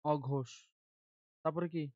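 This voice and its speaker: This male grammar tutor runs an online admission-prep class, posing questions to listeners, supplying the answers himself, and going through terms and letters individually. He speaks slowly in a fairly high voice with fairly even intonation. The recording is dry and has phone-quality sound.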